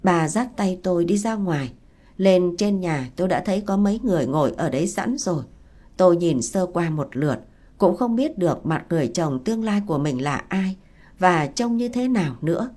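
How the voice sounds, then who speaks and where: A woman narrating a first-person family story in a steady, soft-spoken reading voice. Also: on the low side, moderate pace.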